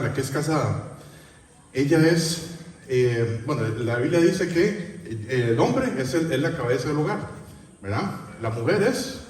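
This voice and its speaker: Rambling pastor in an echoey hall. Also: male voice, a little high, darkish tone, a little hiss or hum. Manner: halting, many fillers and repeated tag questions. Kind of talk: sermon. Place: church hall. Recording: echoey church hall from far off.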